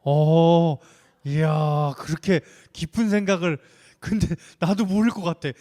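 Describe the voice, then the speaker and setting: A young man preaching to children, telling a story in an animated way and asking them questions as he goes. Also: on the high side, a little slow.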